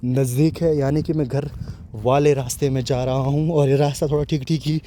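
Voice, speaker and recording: A man narrating a walking vlog outdoors in a dense forest, chatting loudly to the camera as he goes. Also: medium pitch, steady tone, normal speed, slight background noise. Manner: chatty, talks loudly to warn animals. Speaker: nature vlogger.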